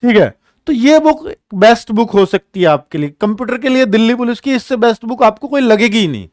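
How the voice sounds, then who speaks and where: A male coaching teacher talks to students bluntly and in a chatty way, scolding them and repeating his points. His voice is high and swings up and down a lot. The sound is dry and close. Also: lively intonation, fairly quick, no room sound. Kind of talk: frank coaching advice talk.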